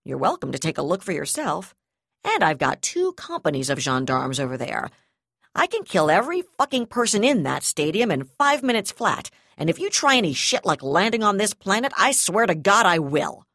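A brutal, cornered gendarme brigadier spits out snarling, profane threats, as a woman reader puts her on. The voice sits low and is heard close and dry, with no room around it. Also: lively intonation, normal speed, a bit bright, no echo. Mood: defiant, threatening.

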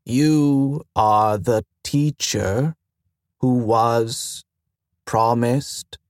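Brief: male reader doing a frightened young station mind; very slow, halting delivery, dry studio sound. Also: medium pitch, no echo. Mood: wary. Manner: slow, oddly spaced words. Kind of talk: audiobook character voice.

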